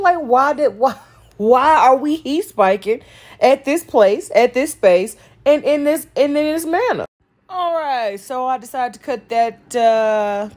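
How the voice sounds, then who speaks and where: A woman from Texas narrates a nail tutorial in a mid-range, slightly mellow voice with a Texan accent. She chats casually with her viewers, calling them "y'all" and "sis."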